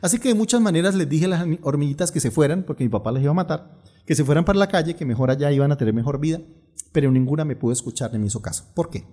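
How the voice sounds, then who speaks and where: Middle-aged pastor preaching with humor and lively asides, slightly high voice. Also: male voice, very fast. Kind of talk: sermon.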